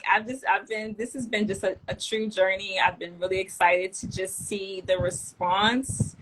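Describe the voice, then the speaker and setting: A woman's voice: mid-range voice, steady tone, normal speed, a bit bright, slight background noise, rough recording. A woman from the DC area, guest on a casual video interview, chatty and upbeat with many fillers and restarts. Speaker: guest, cannabis content creator.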